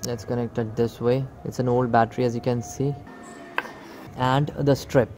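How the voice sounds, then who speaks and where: A man's voice: mid-range voice, level tone, normal speed, a little mellow, faint music behind. A man giving a hands-on product demonstration outdoors, talking viewers through each step and calling them "guys". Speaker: electronics video host. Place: outdoor table beside plants.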